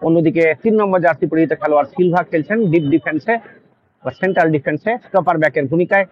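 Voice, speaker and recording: A man with a Bengali accent giving live football commentary in an excitable, frantic way as play builds. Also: on the high side, racing, highs cut off.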